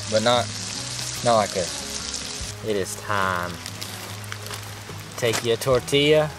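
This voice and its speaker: A man's voice: lowish voice, poor audio. A man, giving a folksy, laid-back cooking demo to the camera on a riverbank. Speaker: host. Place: outdoors on a gravel riverbank. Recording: music playing under the voice. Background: background music.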